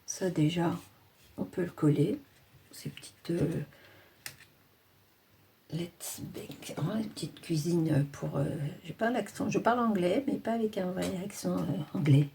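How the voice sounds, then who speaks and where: A woman's voice: fairly low pitch, moderate pace, gravelly, dark tone, slight background noise. A woman hosting a casual crafting tutorial, chatting and thinking aloud as she works.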